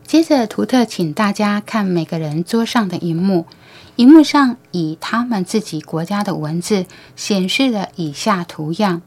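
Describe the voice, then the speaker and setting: A woman's voice: mid-range voice, lively intonation, normal speed, a little mellow. Woman narrating an audiobook story.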